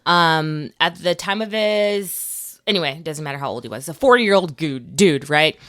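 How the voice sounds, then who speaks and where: A woman with a low voice hosts a podcast, telling stories casually at a normal pace. She acts out quotes with animation and swears freely, keeping things informal. The recording is dry, with clean studio sound.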